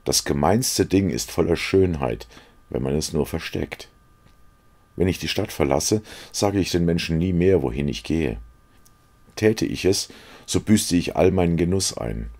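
A man's voice: deep voice, expressive, a little slow, a little mellow, pitched above the performer's own voice, full character voice. A man reading aloud as an earnest, secretive young painter who confides and pleads. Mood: earnest, confiding.

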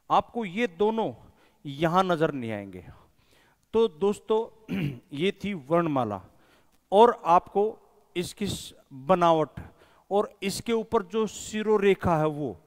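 A male coaching teacher giving a whiteboard lesson, patiently drilling sounds one by one and calling his viewers friends. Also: fairly high pitch. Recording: echoey room with long reverb.

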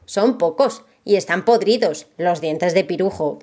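A woman's voice: on the low side, unhurried, mellow. A woman voicing a clever, cheeky little girl who teases a wizard in sing-song rhymes in a storybook reading. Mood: teasing.

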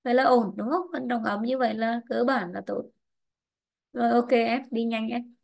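A woman's voice: on the high side, fairly even intonation, moderate pace, creaky, darkish tone. A woman English teacher running an online class, quizzing students by name and explaining grammar rules patiently.

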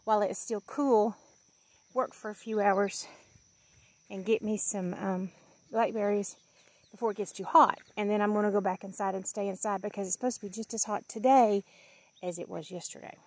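A woman's voice: mid-range voice, steady tone, normal speed, a little mellow. A woman in her fifties walks outdoors through a blackberry patch and films a homey, chatty vlog with fillers and easy laughs. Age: 50s. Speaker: vlogger.

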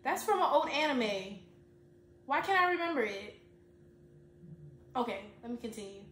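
A woman's voice: high-pitched, very animated, normal speed, a bit bright, slight background noise. A woman giving casual, slangy, exclamatory reaction commentary as a video host. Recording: roomy with faint background music.

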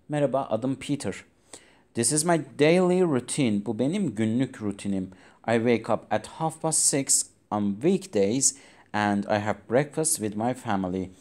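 A man teaching an English lesson on video, with a dark, mellow tone. He reads English sentences slowly in a British-style pronunciation and patiently explains each one to young pupils. His delivery stays steady and explanatory. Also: mid-range voice.

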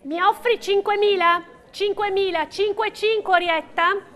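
A woman's voice: very high voice, steady tone, normal speed, fairly bright tone. A middle-aged woman working as an auctioneer, calling bids in short, repeated phrases of prices and names. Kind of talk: auction bidding calls.

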